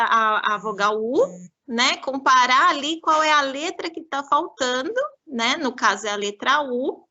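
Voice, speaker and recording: A woman giving a lecture to teachers on literacy, explaining classroom activities and slowly modeling words syllable by syllable. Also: high voice, bright, forceful tone.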